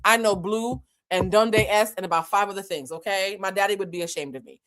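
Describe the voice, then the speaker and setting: This Boston channel host, a woman whose native language is French, spins an informal tale for her audience with plenty of energy and swearing, speaking right to them. Her pitch is medium and her pace brisk.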